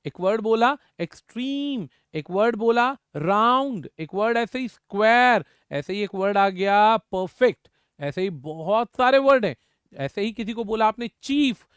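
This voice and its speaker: Male grammar tutor, high voice, repeats drill words for students, dry booth sound. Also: no echo. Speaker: English grammar teacher. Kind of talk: exam-prep grammar lesson.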